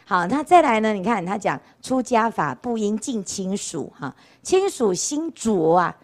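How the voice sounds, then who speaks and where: A woman's voice: medium pitch, big pitch swings, unhurried. A woman, a Buddhist nun giving a casual storytelling dharma talk and often asking her listeners "right?". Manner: chatty, keeps asking rhetorical "right?" questions. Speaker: Buddhist nun lecturing on scripture. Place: temple lecture hall.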